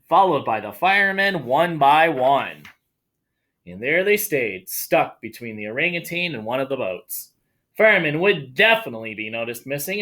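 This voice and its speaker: With a slightly high voice, a man who teaches elementary school reads a picture book to a group of children. He reads expressively and playfully and adds casual side remarks.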